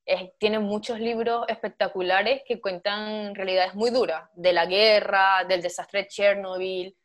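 A woman speaking thoughtfully in a casual panel discussion, pausing often on fillers. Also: mid-range voice. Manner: thoughtful, with frequent filler pauses.

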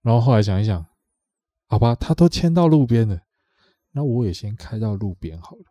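A man's voice: fairly low pitch, lively intonation, a little fast, mellow, no echo. A man with a Taiwanese Mandarin accent telling a rambling story on a podcast, repeating himself and acting out what others said. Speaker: podcast co-host. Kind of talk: casual storytelling chat.

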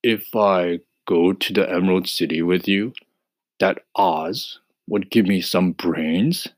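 A man voicing a friendly male scarecrow with a husky voice, polite and earnest. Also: deep voice, takes it slowly, no room sound.

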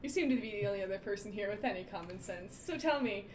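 A woman's voice: mid-range voice, animated, fast talker, darkish tone, pitched below the performer's own voice, natural voice. A woman voicing a polite, genteel, slightly bewildered adventurer with formal phrasing in a tabletop role-play. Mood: politely curious. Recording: echoey room with background noise.

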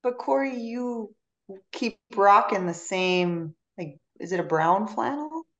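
Female co-host, mid-pitch, friendly ribbing. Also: animated, takes it slowly, a bit bright, highs cut off. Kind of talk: casual chat.

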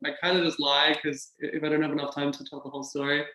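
A young man with an Australian accent, a guest in a casual interview, talking in a relaxed, joking way. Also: fairly high pitch, fast talker, a crowd in the background. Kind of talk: casual conversation. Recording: roomy echo.

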